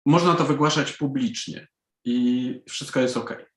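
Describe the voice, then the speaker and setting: A native Polish speaker from Poland, this man answers questions as an author on a panel interview. His medium-pitched voice comes across deliberate, pausing mid-sentence, and the room sounds echoey.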